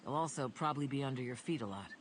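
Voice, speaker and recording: A woman voicing a gruff male dog trainer who speaks bluntly and gives commands in a storybook reading. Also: extremely low pitch, expressive, racing, slight background noise, pitched below the performer's own voice. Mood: commanding. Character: gruff man, dog trainer, brusque and teasing.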